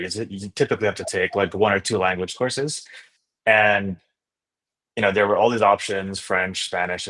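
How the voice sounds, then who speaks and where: Here a man with a fairly low, slightly bright voice speaks as a podcast guest. Born in Indonesia and a native Indonesian speaker, this startup founder and investor shares his story in a casual, enthusiastic manner, frequently tagging his phrases with a checking word.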